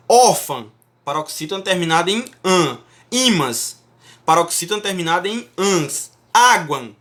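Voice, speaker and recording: A man's voice: high voice, bright, forceful tone. A man teaching Portuguese grammar in a lecture, emphatic, often checking in with the class.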